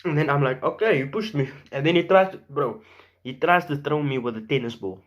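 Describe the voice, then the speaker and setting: A young man telling a story casually to camera in animated slang, acting out bits of dialogue. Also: medium pitch, fairly quick. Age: young adult. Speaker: vlogger. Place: small room at home.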